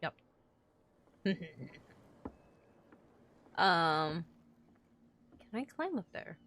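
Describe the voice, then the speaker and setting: A woman's voice: lowish voice, big pitch swings, extremely slow, a bit bright. A young woman casually commenting as she plays a game, chatty, joking and swearing freely. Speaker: gaming streamer.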